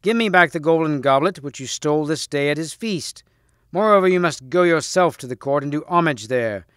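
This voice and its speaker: A man's voice: a little high, animated, a little fast, smooth, no echo, clean studio sound. A man voicing a bold, fearless young knight who talks in a raised, eager voice. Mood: shouting. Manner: raised, eager, shouting taunts.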